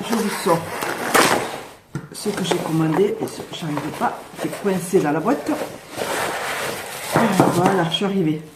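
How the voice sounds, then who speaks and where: A woman, unboxing her haul in a casual chat, pausing often with fillers and speaking a little loudly on purpose. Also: lowish voice, echoey room, background noise. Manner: hesitant, many filler pauses. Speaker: unboxing vlogger.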